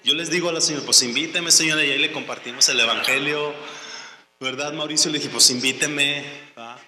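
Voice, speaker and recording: Fervent preacher in an echoey hall. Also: male voice, a little high, steady tone, brisk, slight background noise. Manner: fervent, call-and-response, rising to shouts; jokey asides with filler "¿verdad?". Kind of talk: church teaching on evangelism. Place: church hall.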